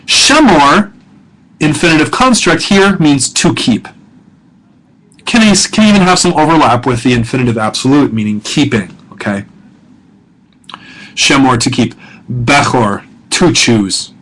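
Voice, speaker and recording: A man's voice: mid-range voice, lively intonation, measured pace, long pauses, fairly bright tone, rough recording. A middle-aged male professor talking students through a grammar lesson, casual and self-correcting, with many fillers and check-ins. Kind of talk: recorded lesson narration.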